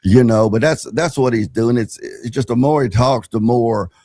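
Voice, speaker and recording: A man's voice: mid-range voice, normal speed, warm tone. A middle-aged man giving wry, rambling casual commentary on a panel, with chuckling asides. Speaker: panel guest.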